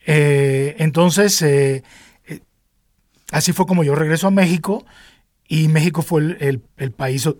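A man's voice: fairly high pitch, a little slow, long pauses, a little mellow, no room sound, studio quality. An older man from Cuba with a Cuban Spanish accent, a singer telling his life story in an interview, with many restarts and fillers. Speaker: guest singer.

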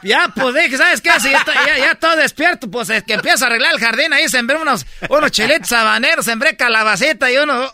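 Mexican male comedy radio host, high and bright, playful slangy joke teller. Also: quick pace, hardly any pauses, no room sound.

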